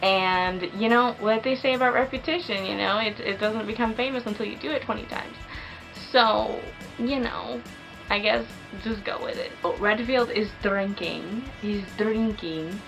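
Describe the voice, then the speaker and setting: A woman's voice: medium pitch, measured pace, vocal fry, over music, rough recording. A young woman chatting casually and enthusiastically as she reviews a movie, peppering her talk with fillers.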